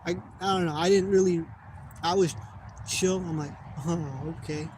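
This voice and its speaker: Cursing freely, a young man from the United States vlogs in a casual, wandering monologue that keeps losing its thread. He speaks at a normal speed in a high-pitched, steady voice with a darkish tone, and background noise is audible.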